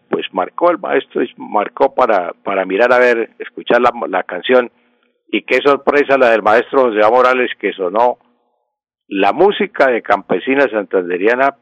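A man who explains spelling rules on a radio call-in show, calm and repetitive, going back over his key points. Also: lowish voice, no room sound. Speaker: language expert on a radio show. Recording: dry, dull radio broadcast sound.

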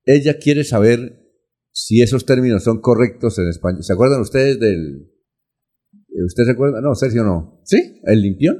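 A man's voice: mid-range voice, lively intonation, normal speed, dark tone. A male radio host reading out a listener's question in a conversational way. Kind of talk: radio chat.

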